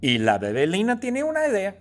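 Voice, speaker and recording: A male teacher telling a silly story to learners, slow and repetitive, playful, with sound effects and laughs. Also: sits high, wildly swooping pitch. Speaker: language teacher.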